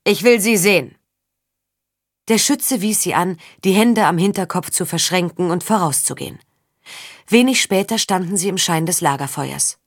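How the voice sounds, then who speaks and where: A woman reading a story aloud as an audiobook narrator, steady and even. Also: lowish voice, moderate pace, husky, dry recording, clean studio sound. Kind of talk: scripted narration.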